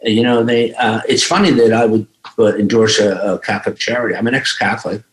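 A mature man speaking as a guest teacher, reflective and halting, often restarting his phrases. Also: on the low side. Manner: halting, with repeated starts. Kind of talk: reflective unscripted talk. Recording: echoey room sound.

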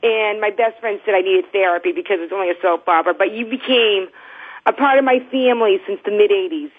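A woman's voice: mid-range voice, fast talker. A woman calling in over the phone, speaking as a heartfelt, earnest fan. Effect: voice heard over the phone. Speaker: caller to a live show. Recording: tinny phone line.

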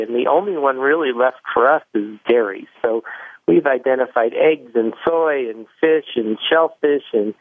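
A man tells his story in a folksy, conversational way and acts out the voices of the people in it. His pitch is middling. The sound is a dry, tinny phone line. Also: no echo. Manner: folksy storyteller, acts out both sides of dialogue. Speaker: chocolate company founder, guest.

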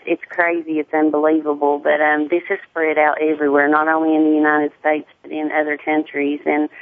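A woman with a deep Southern US accent, talking casually as a guest in an interview. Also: gravelly, no echo. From Tennessee. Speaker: guest, sickle cell awareness advocate. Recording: muffled narrow phone-like line.

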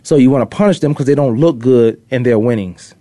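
Medium-pitched, brisk and dark in tone, a middle-aged host from Virginia, US East Coast, leads casual sports talk with no echo. Once a pro defensive back, he's full of opinions, wanders in his talk and repeats himself for emphasis.

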